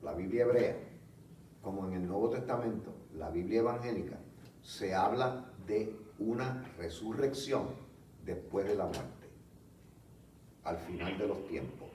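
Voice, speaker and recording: A man preaching a teaching sermon, explaining slowly and checking in with his listeners. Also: fairly low pitch, lively intonation, darkish tone. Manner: slow, explanatory, frequent "¿ok?" check-ins. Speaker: pastor. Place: church hall. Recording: echoey room from a distance, faint background noise.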